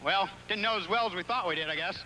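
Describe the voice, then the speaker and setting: A man's voice: high voice, fast talker, bright, forceful tone, a little hiss or hum, poor audio. A man who drives in competition, giving casual interview answers. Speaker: tractor pull driver.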